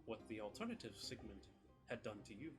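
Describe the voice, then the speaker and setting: A man's voice: fairly low pitch, very animated, fast talker, music in the background. A man voicing a sentient male dagger that speaks in a formal, overly polite way to its master, over a video call. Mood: prim, insistent.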